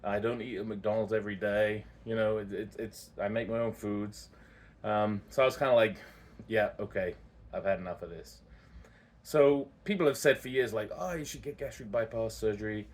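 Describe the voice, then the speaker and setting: A man's voice: lowish voice, fairly quick. A man telling his own story casually as a vlogger, candid and rambling, often correcting himself as he goes.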